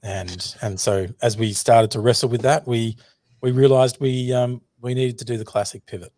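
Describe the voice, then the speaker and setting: A man's voice: mid-range voice, normal speed, no echo. A man with an Australian accent, a business founder chatting as a podcast guest in a joking, easygoing way with plenty of ums. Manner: jokey, relaxed, many fillers and restarts. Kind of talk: casual interview chat.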